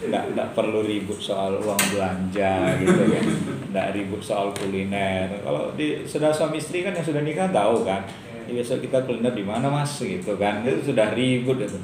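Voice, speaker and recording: A man's voice: fairly low pitch, normal speed, a crowd in the background. A middle-aged man giving a casual university lecture, joking often and asking rhetorical questions. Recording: roomy hall with faint background noise.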